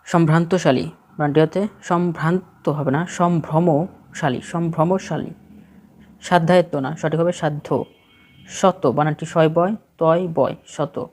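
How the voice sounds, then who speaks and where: A man's voice: fairly high pitch, normal speed. Man drilling a spelling list. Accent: Bangladeshi Bengali. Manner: steady, drilling list reading with short corrective phrases. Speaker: exam-prep teacher. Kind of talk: reading a spelling list aloud.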